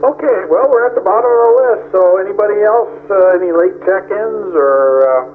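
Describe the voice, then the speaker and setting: A man's voice: high voice, moderate pace. A man running an amateur radio net as net control, easygoing and chuckling, heard over a radio transmission with static. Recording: tinny radio with faint static.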